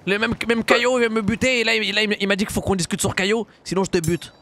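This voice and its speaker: A man's voice: sits high, fairly even intonation, quick pace, bright, forceful tone. A young man, talking in suburban street slang while improvising roleplay on a live gaming stream. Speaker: streamer playing GTA roleplay. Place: indoor streaming room. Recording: game car engine noise behind voice.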